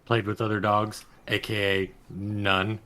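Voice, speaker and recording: Male player, bright-toned voice, jokey and quick to laugh. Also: lowish voice. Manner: animated, joking, laughing a lot. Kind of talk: casual chat during a tabletop game.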